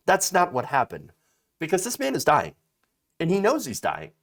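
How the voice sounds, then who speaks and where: A man in his thirties with a high voice reads out a political story and reacts to it emphatically, his commentary full of fillers and restarts.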